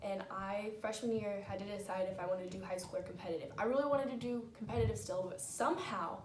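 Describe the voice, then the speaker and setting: A woman's voice: mid-range voice, quick pace, a little mellow, distant mic. A young woman in a casual chat, telling a story together with a friend and chiming in emphatically. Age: young adult. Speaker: co-host. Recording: roomy, a little off-mic, faint noise.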